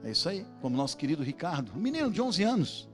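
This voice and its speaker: A man with a Brazilian Portuguese accent preaching a sermon, telling a story and acting out the voices of its characters, building up to shouts. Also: a little high, very animated, fast, faint music behind. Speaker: pastor.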